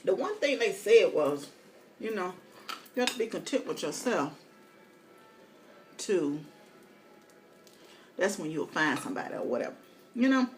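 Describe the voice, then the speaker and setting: A woman's voice: on the low side, expressive, measured pace, long pauses, faint music behind. A middle-aged woman eating as she talks, telling candid, colloquial stories in a casual mukbang chat. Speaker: mukbang vlogger.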